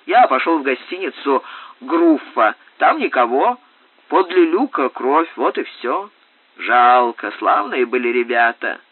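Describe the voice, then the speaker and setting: A man reading an audiobook, voicing a rough old captain who tells a rambling story in a loud, excited way. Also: mid-range voice, measured pace, no echo. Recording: dry, tinny phone-like sound.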